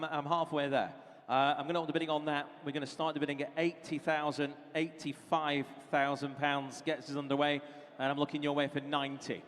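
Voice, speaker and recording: A British auctioneer with a voice on the high side and a fairly bright tone keeps a running bid chant going. He cycles through repeated figures and nudges bidders, all within the reverberant sound of a large auction hall.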